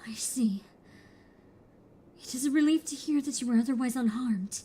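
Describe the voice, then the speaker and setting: An earnest young scholar with old-fashioned, formal phrasing, as a woman reads him out. The voice sits high but soft and mellow, a little husky, with faint game music underneath. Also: moderate pace. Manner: archaic formal speech.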